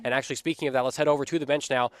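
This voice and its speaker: Energetic male lacrosse play-by-play commentator. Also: mid-range voice, very fast, smooth, no room sound. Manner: energetic, rises on big plays. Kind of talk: live sports commentary. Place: commentary booth.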